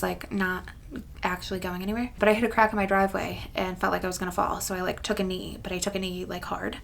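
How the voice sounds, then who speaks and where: A woman around thirty-one who runs a craft channel chats casually to her viewers, rambling and poking fun at herself. Her medium-pitched voice is gravelly, with a little noise in the background.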